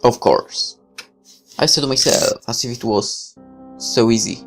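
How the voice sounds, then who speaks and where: A mid-pitched man, a gaming let's player, reads a visual novel aloud at a measured pace. He narrates expressively and drops in casual asides of his own, with music playing behind him.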